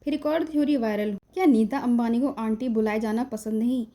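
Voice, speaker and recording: A woman's voice: a little high, fairly quick, warm tone. A woman hosting a gossip channel, narrating a celebrity story in a scripted, dramatic way, mixing English phrases into her Hindi and speaking straight to her viewers. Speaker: entertainment gossip channel host.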